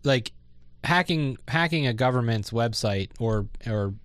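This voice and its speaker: A man's voice: medium pitch, expressive, a little slow, no room sound, clean studio sound. A man co-hosting a casual tech podcast, talking in a laid-back, slightly hesitant way. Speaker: podcast co-host. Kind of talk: casual tech news chat. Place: dry studio.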